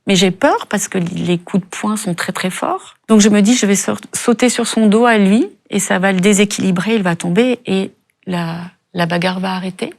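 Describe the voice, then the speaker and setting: A middle-aged Frenchwoman tells her story in an interview, her voice gravelly with fry. She speaks in halting bursts, often stopping and repeating words. Her pitch sits in the middle for a woman. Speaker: guest, bereaved mother. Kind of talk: emotional testimony interview.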